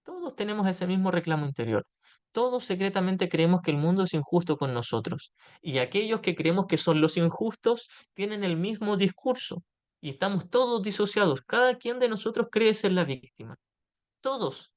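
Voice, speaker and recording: High-pitched guy giving an earnest spiritual talk, acts out complaints. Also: expressive, moderate pace. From Chile. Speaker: course study group leader.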